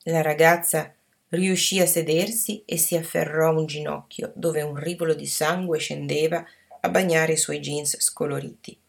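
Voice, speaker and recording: Low, gravelly woman reading a story. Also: fairly even intonation, normal speed. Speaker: audiobook narrator. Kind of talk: scripted story narration.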